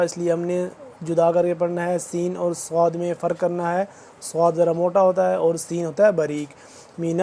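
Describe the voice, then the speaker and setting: A man with a Pakistani Urdu accent teaching Quran recitation rules. He recites verses slowly and drawn out, then explains each rule quickly and quietly. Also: high-pitched. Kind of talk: tajweed lesson, slow recitation with fast spoken explanations.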